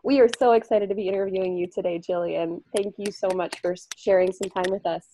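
A woman co-host opens the interview with friendly questions, talking briskly in a mellow, darker tone. A faint noise and some clicks sit behind her voice. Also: mid-range voice, steady tone. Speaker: co-host, graduate student. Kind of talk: casual interview conversation.

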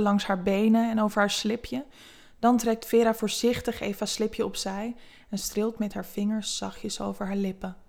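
A woman narrates an erotic story in a soft, close, intimate voice. She reads unhurried and even, with a medium pitch, keeping the tone gentle throughout.

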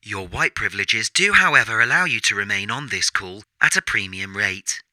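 A man putting on an automated phone line voice, patronizing, crisp and bright, animated pitch, dry close sound. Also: moderate pace, no room sound. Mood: mock polite. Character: smug robotic male phone menu voice. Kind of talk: comedy sketch parodying a phone menu.

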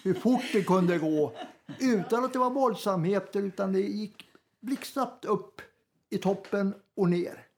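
A man with a high voice and a gravelly edge to it talks in a relaxed group chat. He muses on life with gentle, dry humor. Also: slight background noise. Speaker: guest in group talk. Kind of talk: casual chat.

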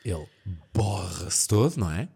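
At a normal speed, a low, breathy-edged male voice with a European Portuguese accent relates creepy tales on a podcast. The delivery is casual and animated, full of frequent laughter and shouted impressions of the story's characters.

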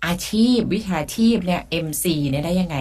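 Fast-talking woman radio co-host. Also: on the low side, a little mellow. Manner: candid and self-deprecating, quick to chime in. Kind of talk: casual radio interview chat. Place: radio studio.

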